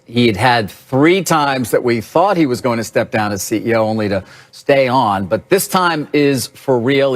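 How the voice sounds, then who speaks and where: A man giving an unscripted broadcast report as a business reporter, halting clause by clause. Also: medium pitch.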